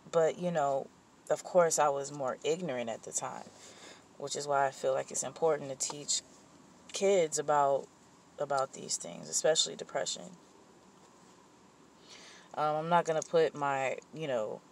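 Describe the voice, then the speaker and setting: A vlogger with a medium-pitched voice rambles candidly through a casual personal vent, with a little noise behind him. The talk is full of fillers and self-corrections, and it gets blunt and profane when things heat up.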